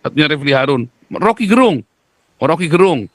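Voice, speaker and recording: A man speaking as a guest commentator in a talk-show discussion, emphatic and lecturing, with sudden jumps in pitch. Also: very animated, normal speed, no room sound.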